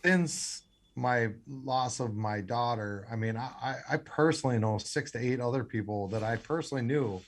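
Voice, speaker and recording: An American man from the United States, a scholarship founder, speaks as a guest in a radio interview. His mid-range voice moves at a moderate pace, and he talks earnestly with many restarts and fillers.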